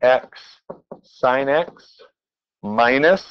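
A man's voice: mid-range voice, extremely slow, clear, resonant tone, highs cut off. A man teaching a math class in a classroom, working examples aloud and playfully quizzing his students as he goes. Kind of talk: classroom lecture.

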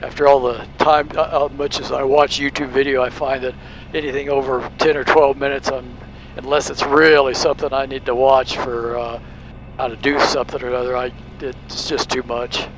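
Speaking at a normal speed with a medium pitch, a man flies a small aircraft and provides relaxed commentary alongside radio calls. He's a private pilot and video host, and steady engine noise is heard throughout.

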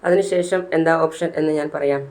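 A narrator voicing a calm hospital doctor explaining an urgent surgery. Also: male voice, a little high, fairly quick, natural voice. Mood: grave. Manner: matter-of-fact.

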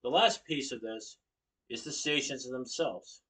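With a mid-range voice that is pushed, bright, and slightly rough, a young man speaks a little slowly. He's from Connecticut and is giving an informative class speech at home, standing, gesturing, and occasionally correcting himself. A webcam across the living room records him from a distance.

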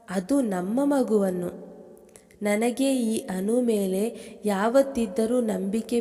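A woman voicing a gentle young husband who comforts his wife softly. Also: on the high side, long reverb tail. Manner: soft, comforting.

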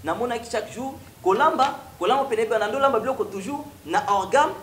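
A man's voice: very high-pitched, a little fast, a bit bright, reverberant, a little hiss or hum. A young man with a Congolese accent, a prophet telling his testimony in a TV studio interview, switching between French and Lingala. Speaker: prophet guest. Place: TV studio with stone wall backdrop.

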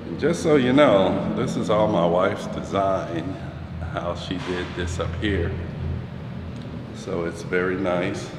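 The recording is very noisy: a low-pitched man at a slow pace wanders through his two-story house and out onto a balcony in a casual, rambling tour full of fillers. He films with a phone camera held in hand as he walks.

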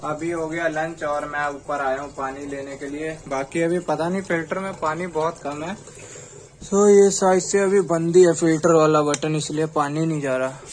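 A man's voice: fairly high pitch, steady tone, normal speed, a little mellow, slight background noise. A young man in his twenties chatting casually through a vlog, narrating his work as he goes. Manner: chatty running commentary while working. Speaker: vlogger at a garment factory. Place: small garment workshop, indoors. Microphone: handheld phone camera.

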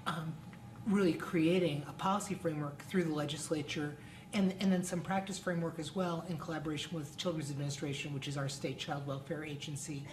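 A woman's voice: sits low, fairly even intonation, brisk, a little hiss or hum. A middle-aged woman, a child welfare advocate, explaining her work earnestly in an interview clip. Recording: echoey video clip played in a hall.

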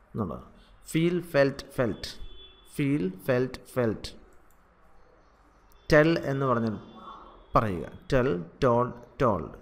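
Malayali man drilling English verbs. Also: mid-range voice. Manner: drills verb forms slowly and repetitively. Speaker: English teacher. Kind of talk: spoken English lesson in Malayalam.

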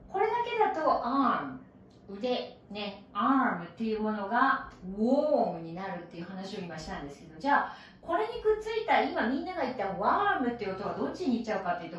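A lively woman teacher with a Japanese accent explains English words, her voice bouncing up and down in pitch. She sits a bit back from the microphone in a very echoey room, with a faint hum behind her. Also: brisk, recorded from a distance. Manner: animated, explains with playful sound effects. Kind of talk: recorded English lesson.

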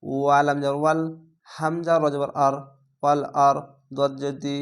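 Male Quran tutor, measured syllable-by-syllable drills, slightly high, crisp tone. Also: flat delivery. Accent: Bangladeshi Bengali. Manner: spells syllables letter by letter, drawls long vowels. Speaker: Quran reading teacher. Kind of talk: slow spelled-out recitation lesson.

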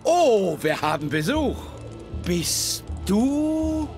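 An actor playing an excitable monastery figure who speaks in a dramatic, awestruck way with a gravelly voice. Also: male voice, high voice, very slow, exaggerated voice. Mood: awed. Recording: game audio with faint music.

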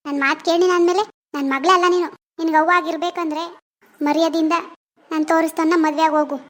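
A woman playing a strict, quick-tempered village mother, scolding fast and loud in a village drama. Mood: furious. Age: middle-aged. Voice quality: shrill, scolding.

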